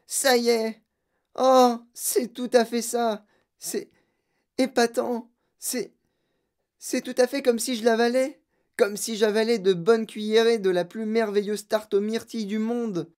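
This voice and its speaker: A woman voicing a spoiled, boastful girl who shouts with glee while chewing gum, in a storybook reading. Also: a little high, fairly even intonation, a little slow, voice pushed up, lightly acted. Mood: gleeful.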